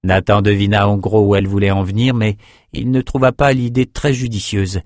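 A man narrating a fantasy audiobook in a steady, measured storytelling voice. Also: on the low side, dry recording, studio quality.

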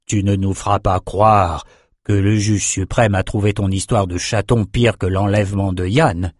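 A man's voice: lowish voice, fairly even intonation, normal speed, dry recording, clean studio sound, close to an everyday voice. A man voicing a wry, rambling old wizard in an audiobook. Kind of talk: audiobook character voice.

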